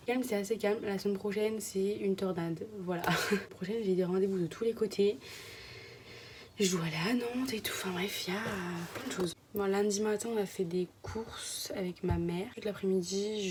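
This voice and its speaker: Young french girl rambling to her phone cam, pretty monotone, slips into whispers, bit of background hiss. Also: lowish voice. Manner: chatty, rambling, often drops to a whisper. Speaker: vlogger. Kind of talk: casual vlog chat. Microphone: phone camera.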